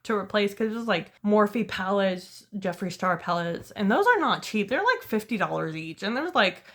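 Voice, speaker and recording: A woman's voice: medium pitch, very animated, moderate pace. A young woman, talking candidly to camera in a casual storytime vlog, tired and losing her voice. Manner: candid, rambling, self-deprecating. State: tired, voice going hoarse. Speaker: vlogger.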